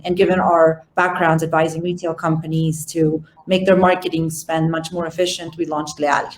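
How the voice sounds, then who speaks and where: A woman's voice: lowish voice, roomy sound, a little hiss or hum, poor audio. A woman from El Salvador introducing herself as a startup co-founder on a conference panel, speaking with occasional fillers.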